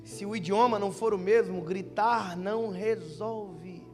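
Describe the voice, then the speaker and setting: Young brazilian pastor preaching, high voice, jokey, music playing behind. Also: male voice, steady tone, a little slow, in a large hall. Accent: Brazilian Portuguese. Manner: joking, storytelling, addressing listeners as brother. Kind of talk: lively conference sermon. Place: church youth conference before a crowd. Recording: live church sound with music underneath.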